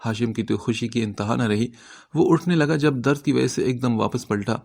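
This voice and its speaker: A man narrates a novel in a steady, even storytelling read. His voice has a gravelly edge at a middle pitch. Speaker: audiobook narrator. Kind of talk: reading a novel aloud.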